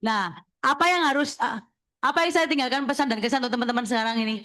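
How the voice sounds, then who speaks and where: A woman, an insurance agency leader briskly coaching listeners and checking in with them as she talks. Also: on the high side, a bit bright. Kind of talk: sharing tips at a talk session.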